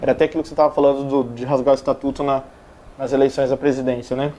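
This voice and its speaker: Mellow-voiced São sports host. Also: male voice, mid-range voice, flat delivery, racing. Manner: chatty, reads viewer comments aloud. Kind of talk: casual studio sports chat. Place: TV studio.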